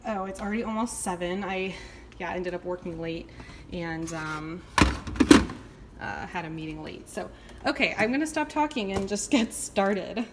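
A woman's voice: mid-range voice, animated, moderate pace, low-quality recording. A young woman chatting casually as she cooks dinner in her home kitchen, with lots of fillers while she thinks aloud. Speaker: cooking vlogger. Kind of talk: casual cook-along narration. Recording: loud kitchen noise behind.

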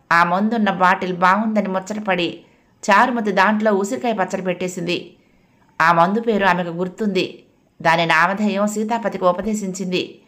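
A woman from Andhra Pradesh narrating a humorous story in an expressive, homely way. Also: medium pitch.

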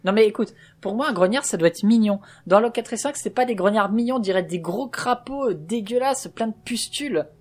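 A man's voice: sits high, quick pace, hardly any pauses. A man hosting a let's play, talking in casual gaming chat, passionate and opinionated, going off on a rant.

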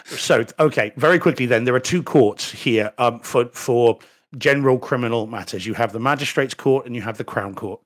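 Speaking at a moderate pace with medium pitch, this middle-aged solicitor from New Zealand co-hosts a home theater podcast. His casual, careful talk includes dry asides and restarts, picked up by a desk mic on a video call from his home.

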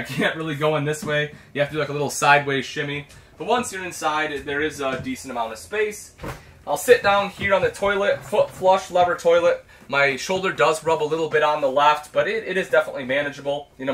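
Chatty guy in his 30s showing off an rv inside a small trailer, bright voice, lots of "you know". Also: on the high side, a little hiss or hum. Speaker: RV product specialist. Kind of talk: walkthrough product review.

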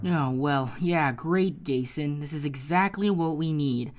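A woman's voice: low-pitched, music in the background. A woman voicing a cocky young male spaceship captain in an amateur film, trading sarcastic jokes. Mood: mocking. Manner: sarcastic, joking, quick comebacks.

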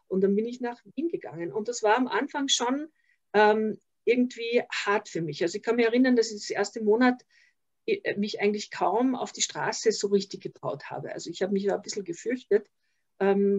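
This older Austrian-accented woman has a mid-range, somewhat mellow voice and talks at a moderate pace. As a social worker being interviewed over video call, she sounds thoughtful and unsure, frequently starting over. The call audio is a bit dull.

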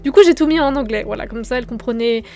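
A young woman with a French accent, chatting calmly and casually over her gameplay, with lots of small fillers. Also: fairly high pitch, fast talker. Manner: calm, relaxed, chatty with many fillers. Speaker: gaming youtuber.

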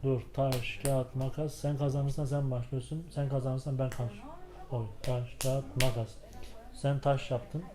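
A man hosting a vlog, bantering casually in slang with a boisterous, loud manner. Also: medium pitch, level tone, unhurried, crowd noise. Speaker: vlog host.

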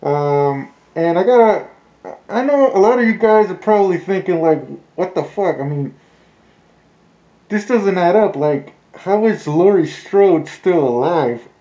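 A man's voice: high voice, animated, a little slow, mellow. A man speaking through a face mask, muffled, chatting casually and rambling as a vlogger, with some swearing. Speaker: vlogger reviewing film trailers. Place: small indoor room with blinds. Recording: dull, muffled, roomy home recording.

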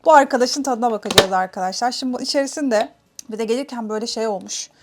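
A young woman talks straight to the camera in a casual food vlog. She tells her stories in an animated, chatty way and laughs often. Her voice sits a little higher than most women's. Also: fast, noisy background. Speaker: vlogger. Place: home in Canada.

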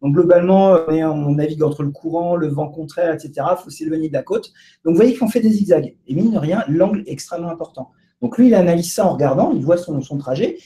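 A man's voice: a little high, fast, warm tone. A man giving a casual live presentation to an audience in a co-working space, hesitant and full of fillers and restarts. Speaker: presenter at a data meetup.

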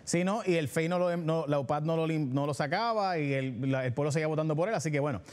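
A Puerto Rican man hosting a talk show, with a voice pitched a little high for a man. He keeps the tone sarcastic and playful and jokes in casual local slang. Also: fast talker. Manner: teasing, sarcastic, colloquial. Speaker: TV show host. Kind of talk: joking talk-show interview.

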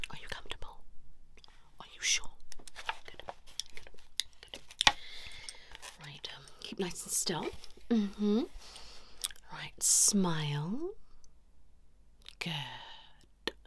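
A woman playing a blunt, tactless sketch artist in a whispered role-play, in a fast, aggressive ASMR manner with clipped, repeated phrases. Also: low-pitched. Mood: brisk, bossy. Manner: blunt, critical. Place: small indoor room. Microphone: close ASMR mic.

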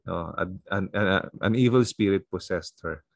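Low-voiced Filipino pastor on a video call. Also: male voice, moderate pace, vocal fry, no echo. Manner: conversational, mixing in English, many fillers and tag questions. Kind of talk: leading an online prayer meeting.

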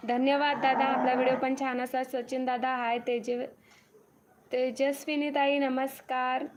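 High-voiced woman greeting live viewers. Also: little pitch movement, a little slow. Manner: greets viewers one by one, reads comments aloud, repeats thanks. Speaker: live-stream host reading viewer comments. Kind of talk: casual live-stream chat. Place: farm home with cattle shed nearby.

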